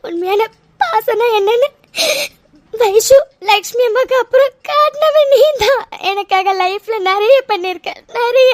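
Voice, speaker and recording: A woman's voice: extremely high pitch, expressive, unhurried, no room sound. A woman voicing a sweet, remorseful young wife in a cartoon drama, apologetic and weepy. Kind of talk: tearful cartoon drama voice acting.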